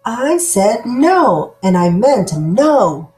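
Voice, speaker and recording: A woman's voice: on the high side, sing-song, darkish tone, pitched above the performer's own voice, full character voice. A woman voicing a lazy, grumpy, stubborn male spider in a children's story, with cranky, emphatic delivery. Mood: grumpy, defiant. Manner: cranky, emphatic, drawn-out refusals.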